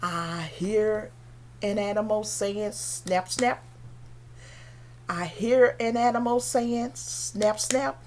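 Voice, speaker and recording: A woman teaching young children in a slow, sing-song way, with playful animal sounds. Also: mid-range voice, steady tone, darkish tone, slight background noise. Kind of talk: singalong children's lesson.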